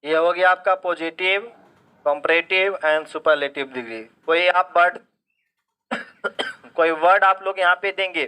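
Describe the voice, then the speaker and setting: A man's voice: high voice, level tone, a little slow, long pauses, pushed and bright, clear, resonant tone. A man teaching English grammar in a live online class. He asks questions and answers them himself, drops English phrases into his Hindi explanation, and keeps checking whether students understand.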